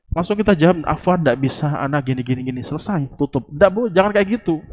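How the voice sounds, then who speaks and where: Man, religious teacher, higher-pitched voice, conversational, repeats phrases for emphasis, acts out short dialogues. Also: lo-fi sound, slight background noise. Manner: acts out short quoted exchanges. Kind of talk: mosque study lecture.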